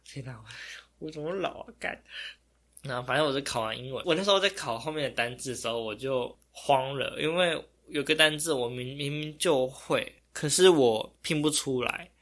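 A young man with a Taiwanese Mandarin accent, telling a story as a vlogger in a casual, animated way, often exclaiming and laughing. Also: medium pitch, moderate pace. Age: young adult.

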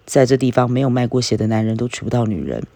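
A man's voice: mid-range voice, animated, fast, mellow, no echo, lightly acted. A man reading a novel aloud, voicing a middle-aged farmer uncle who explains things in a plain, matter-of-fact way.

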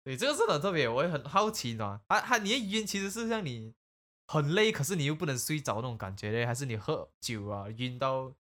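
A man's voice: medium pitch, expressive, fast talker, a bit bright. A man hosting a casual chat, curious and asking many questions.

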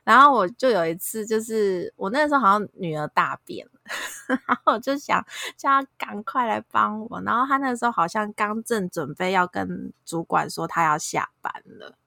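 Lively woman telling stories. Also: medium pitch, normal speed, creaky, no room sound, clean studio sound. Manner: animated storyteller, laughs often. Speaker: podcast co-host. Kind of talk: casual chat.

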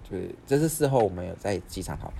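A young man, hosting a podcast and telling a story in a rapid, rambling way with frequent restarts. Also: low-pitched, lively intonation, vocal fry, warm tone, a little hiss or hum. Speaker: podcast host. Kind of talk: casual storytelling.

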